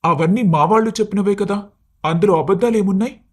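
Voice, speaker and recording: A man voicing a patient young husband in an animated story, reasoning and pleading with his wife, now and then angry. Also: sits high, fairly quick, husky. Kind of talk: animated cartoon story voice acting.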